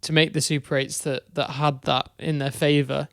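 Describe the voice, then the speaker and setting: A man's voice: fairly high pitch, flat delivery, moderate pace, vocal fry, a bit bright, dry recording, studio quality. A young man co-hosting a podcast, chatting casually about cricket with a thoughtful, hesitant delivery. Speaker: podcast co-host.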